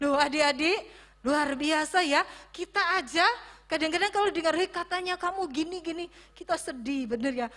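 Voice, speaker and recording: A woman teaching a children's church service, telling a Bible story in an animated way and asking the children questions. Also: high voice, normal speed. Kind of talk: sermon for children.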